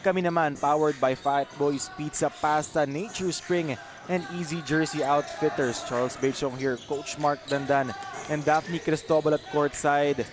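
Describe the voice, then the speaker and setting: A man's voice: on the high side, fairly even intonation, moderate pace. A man with a Filipino accent hosting a sports broadcast in a polished, formal presenter style. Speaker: play-by-play host.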